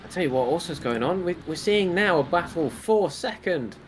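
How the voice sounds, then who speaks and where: A man's voice: fairly high pitch, expressive, fairly quick, noisy background. A man commentating a sim race with chatty, laughing banter. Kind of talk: casual esports race commentary.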